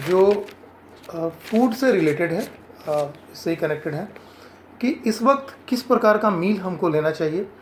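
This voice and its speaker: A man from India explains health tips in an earnest, advising way, slipping English words into his talk. His voice sits a little high for a man. A faint hiss of background noise runs under the recording.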